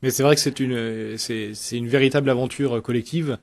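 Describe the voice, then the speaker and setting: Un homme, enseignant invité à la radio, qui explique spontanément en hésitant et en répétant des mots. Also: male voice, mid-range voice, steady tone, fairly quick, darkish tone. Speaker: interview guest, teacher. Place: close dry radio microphone.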